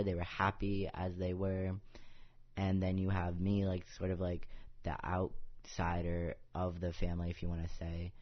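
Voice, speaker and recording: Low-voiced young man, earnest, says "like" constantly. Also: lo-fi sound. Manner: earnest, fills nearly every phrase with "like". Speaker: podcast guest. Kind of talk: casual personal storytelling. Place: office podcast set.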